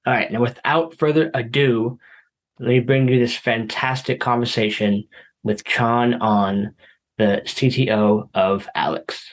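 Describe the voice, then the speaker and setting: A man's voice: medium pitch, steady tone, measured pace. A man in his thirties hosting a podcast interview, chatting in a friendly, upbeat, rambling way over a video call. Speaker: podcast host. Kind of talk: casual interview chat.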